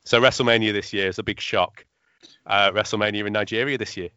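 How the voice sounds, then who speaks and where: A man co-hosting a podcast in casual chat, wry and animated as he tells stories. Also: fairly low pitch, fast, clean tone, dry recording. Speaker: podcast co-host. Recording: dry, slightly muffled.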